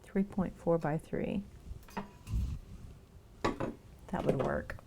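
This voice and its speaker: A woman's voice: sits low, huge pitch swings, extremely slow, mellow, a little hiss or hum. A woman live streaming as she works on a craft project, chatting casually and thinking aloud as she goes.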